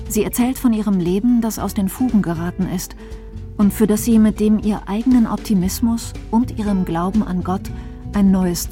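A woman narrating a documentary report in a calm, measured way. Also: mid-range voice.

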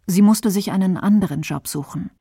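Calm woman narrating a radio documentary. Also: medium pitch, a little fast, a little hiss or hum.

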